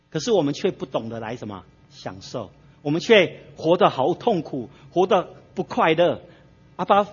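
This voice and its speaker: A man's voice: fairly high pitch, husky. A male pastor preaching a sermon in a church, telling stories and asking the congregation to fill in the blanks. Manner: storytelling with frequent tag particles. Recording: dull lo-fi sermon recording.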